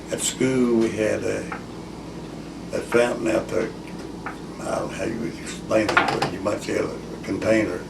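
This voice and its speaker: An elderly man telling a rambling grandpa story in casual, folksy, halting talk. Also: sits low, creaky. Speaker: war veteran recalling his school days. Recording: echoey room, distant mic, loud hiss.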